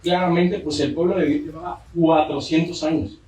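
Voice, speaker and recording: A man's voice: a little high, fairly even intonation, moderate pace, darkish tone. A man with a Mexican accent preaching a sermon, telling a story with joking asides. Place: church. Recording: roomy church hall from far off.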